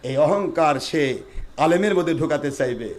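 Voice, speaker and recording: A man's voice: a little high, lively intonation, moderate pace, heavy background noise. A man preaching a Bengali religious sermon at a gathering, scolding and firing rhetorical questions at the crowd to draw call-and-response.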